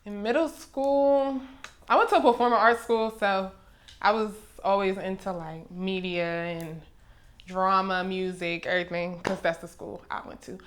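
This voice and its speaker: A woman's voice: mid-range voice, moderate pace. Young woman telling stories casually. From Maryland, USA. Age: 20s. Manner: relaxed storyteller, laughs easily. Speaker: music artist guest. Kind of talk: casual interview chat. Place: recording studio.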